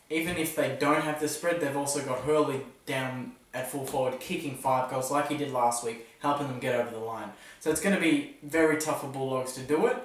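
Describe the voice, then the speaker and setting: A mid-range, slightly bright voice comes from an Australian man positioned far from the mic in an echoey room. As a footy tipster vlogger, he previews the round casually and opinionatedly, with self-deprecating jokes.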